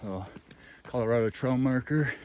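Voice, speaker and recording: A man talks to his camera while hiking a mountain trail, his voice sitting at an ordinary middle pitch. He rambles casually, full of fillers and easy asides. Light rain, wind and hail patter faintly behind him in the open air. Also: moderate pace. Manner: relaxed, rambling, with many fillers. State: a little out of breath. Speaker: thru-hiker vlogger. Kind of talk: casual trail vlog narration.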